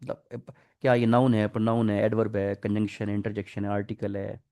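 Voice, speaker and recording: A man's voice: on the low side, completely flat delivery, a little fast, mellow. A middle-aged man with a Pakistani Urdu accent, lecturing an online English class, patiently explaining grammar and asking the students questions. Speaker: English teacher.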